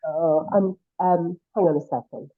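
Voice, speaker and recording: A woman's voice: lowish voice, fairly even intonation, unhurried. A woman on a group call whose voice comes through muffled and underwater-sounding, speaking hesitantly in casual chat. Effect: muffled, underwater-sounding connection. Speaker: team member on a group call. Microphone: video call. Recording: muffled phone-like call line.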